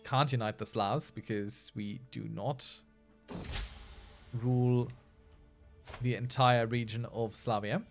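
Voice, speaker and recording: Slow and steady with long pauses, this man's mid-range voice carries over soft background music. He's streaming a strategy game, commenting wryly and chatting with his viewers as he goes.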